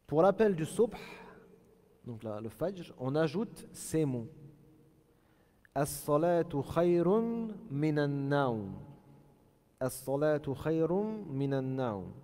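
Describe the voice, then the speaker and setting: Man teaching with slow Arabic demonstrations. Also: a little high, warm tone, in a large hall. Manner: explains by repeating and demonstrating Arabic phrases slowly. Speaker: Islamic teacher. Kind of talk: religious lesson.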